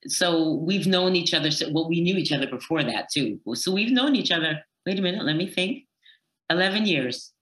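A woman's voice: lowish voice, expressive, a bit bright. A woman stage actress from Berlin, chatting in an interview, hesitant with many "uh"s and asides. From Berlin, Germany. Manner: hesitant, full of "uh"s and quick asides. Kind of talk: casual interview chat. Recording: echoey room, slightly dull sound.

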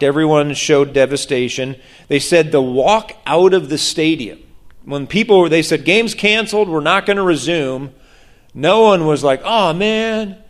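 Animated male preacher, slightly high voice. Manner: animated storytelling, acts out voices. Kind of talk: sermon on prayer.

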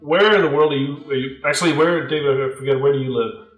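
A man narrating a tabletop game as game master, with a halting delivery full of fillers. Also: medium pitch, fairly even intonation, reverberant, highs cut off, soft background music.

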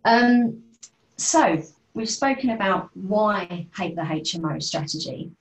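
A woman's voice: mid-range voice, animated, slow pace. A woman explaining property investment in a casual presentation, with frequent fillers and restarts. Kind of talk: informal presentation on a video call. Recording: echoey room, distant from mic.

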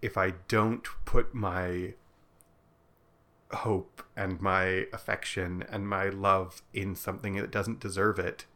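A man co-hosting a casual chat show, reflective and thoughtful, growing animated when he retells scenes. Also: deep voice, takes it slowly. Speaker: podcast co-host.

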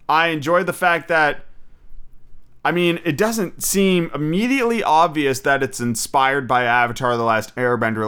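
A man's voice: mid-range voice, bright, forceful tone, clear, resonant tone. A man hosting a casual solo podcast, rambling as an eager fan, swearing freely and restarting his sentences often. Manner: enthusiastic fan. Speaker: podcast host.

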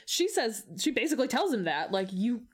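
A woman's voice: a little high, sing-song, brisk, breathy edge. A woman co-hosting a casual chat, conversational, often acting out her own reactions as quotes. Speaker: podcast co-host.

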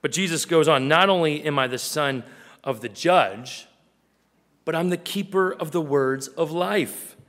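A male pastor preaching a sermon earnestly, acting out small scenes in a quieter voice. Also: a little high, unhurried, in a large hall.

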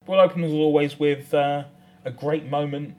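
A man's voice: fairly high pitch, steady tone, moderate pace, mellow. British man co-hosting a casual podcast. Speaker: podcast co-host. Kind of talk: casual chat.

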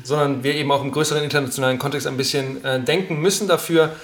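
A man co-hosting a podcast interview, talking in a quick, upbeat, casual way. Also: medium pitch, fairly even intonation. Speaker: podcast co-host. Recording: echoey room.

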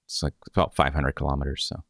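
A man's voice: rumbling low, level tone, fast talker, gravelly, a bit bright, no echo, studio quality. A man hosting a podcast in casual chat, rambling and correcting himself as he goes. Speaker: podcast host.

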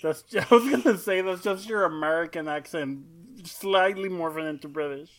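A young adult woman co-hosts a podcast in easy, unscripted chat. She rambles, backs up and restarts her sentences, and fills the pauses with ums and uhs. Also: on the low side, a little hiss or hum. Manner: rambling, filler-heavy, self-interrupting. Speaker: podcast co-host. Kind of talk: casual chat.

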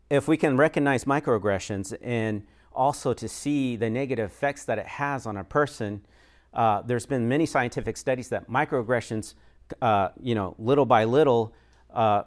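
Guy from the states leading a church group talk, lots of uhs and ums, laughs a little as he goes. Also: mid-range voice. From United States. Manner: conversational, with frequent fillers and light laughs. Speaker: chaplain and pastor.

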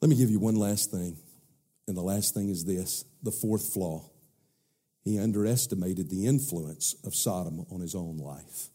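A man's voice: sits low, moderate pace, warm tone, breathy edge. A middle-aged man with a Southern US accent preaching a sermon in an emphatic, conversational way, with rhetorical questions and repetition.

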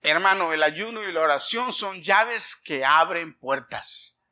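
A middle-aged man preaching a sermon, telling a personal story with animated delivery and repeatedly addressing the congregation as brothers. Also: fairly high pitch, unhurried. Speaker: pastor.

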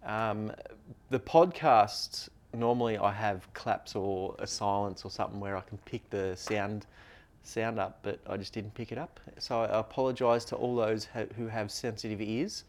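A man's voice: fairly low pitch, steady tone, moderate pace. A man co-hosting a podcast, explaining things in a loose, rambling, casual way. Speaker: podcast co-host.

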